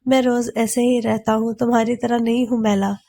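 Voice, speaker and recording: A woman's voice: a little high, flat delivery, normal speed, gravelly, warm tone. A woman voicing a touchy young man, a medical student, who snaps back defensively. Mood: irritable. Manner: irritable, defensive.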